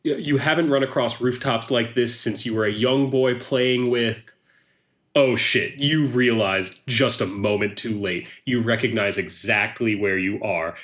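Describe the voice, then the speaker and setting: A man acts as game master for a tabletop game. He describes the scene in the second person, steady and descriptive. His voice sits at an ordinary pitch. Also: a little slow.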